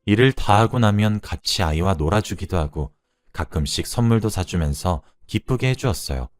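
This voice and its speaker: Low-voiced man calmly telling his story. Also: moderate pace, no echo, studio quality. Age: 30s. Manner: calm, reflective, confessional. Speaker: narrator. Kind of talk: first-person storytelling narration. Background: faint background music.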